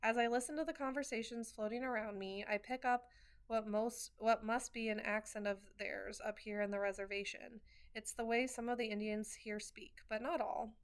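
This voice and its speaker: A woman's voice: on the high side, fairly even intonation, moderate pace, clear, resonant tone. A woman reading a first-person novel chapter aloud, in an earnest way with wry asides and small restarts. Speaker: reader of a novel.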